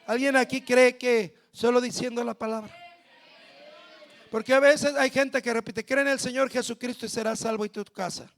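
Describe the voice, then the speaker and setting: A male pastor with a Mexican Spanish accent preaching a sermon, speaking straight to the congregation and building to shouted peaks. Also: extremely high pitch, steady tone, normal speed. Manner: preaching with shouted climaxes and direct address to the congregation.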